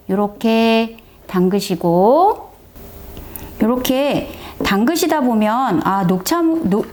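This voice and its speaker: A woman's voice: fairly high pitch, darkish tone. A middle-aged woman chatting through a step-by-step home demonstration, friendly and explanatory, presenting for a brace clinic. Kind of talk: casual how-to demonstration.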